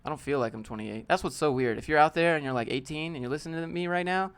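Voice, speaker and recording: A man's voice: a little high, fast talker, fairly bright tone, clear, resonant tone. A man in his late twenties with a youthful-sounding voice, hosting a laid-back, joking live Q&A and reading viewer questions aloud. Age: 20s. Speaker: live-stream host. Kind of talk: casual live-stream Q&A.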